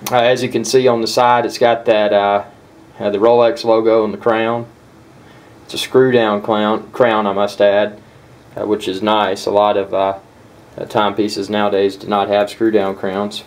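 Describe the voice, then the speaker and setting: A man giving a casual watch review, talking in a halting way with frequent filler pauses. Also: fairly low pitch, level tone, rough recording.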